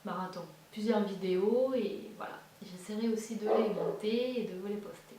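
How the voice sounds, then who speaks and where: A woman's voice: mid-range voice, normal speed, warm tone. A woman chatting casually as a beauty vlogger, hesitant, with many fillers and restarts. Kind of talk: casual chat. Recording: echoey room, far from the mic, faint hiss.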